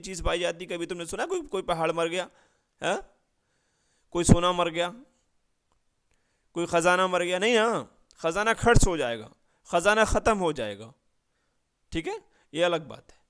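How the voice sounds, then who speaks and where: Male teacher for an exam-prep lesson, high-pitched, crisp, resonant delivery, constant check-ins with the class. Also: a bit bright. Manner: drills with constant "right?" check-ins and rhetorical questions; reads out word lists slowly. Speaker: Urdu grammar teacher.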